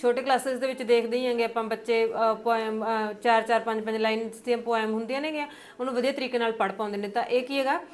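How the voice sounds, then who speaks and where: A woman's voice: fairly high pitch, little pitch movement. Punjabi woman teaching an exam-prep lecture. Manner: explanatory, frequent fillers, reads English points slowly.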